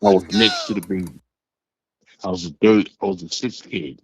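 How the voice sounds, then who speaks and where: A man in his sixties calling in over the phone, telling a rambling, halting story from years past. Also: low voice, darkish tone, breathy edge. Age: 60s. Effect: heard over a phone line. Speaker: caller. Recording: muffled phone line.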